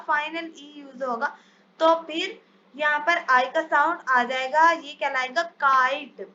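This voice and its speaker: A woman teaching English spelling rules in a step-by-step lesson, reading each English rule out slowly before explaining it. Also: high-pitched, sharp tone. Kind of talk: spelling lesson over slides. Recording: dull lo-fi sound, faint hiss.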